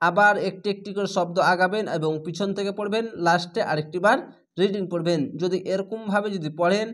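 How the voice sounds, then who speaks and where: Bangladeshi guy teaching quran reading, spells it out letter by letter then says the whole word slow, pretty high voice. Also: steady tone, a bit bright. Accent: Bangladeshi Bengali. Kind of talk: spelled-out Quran recitation lesson.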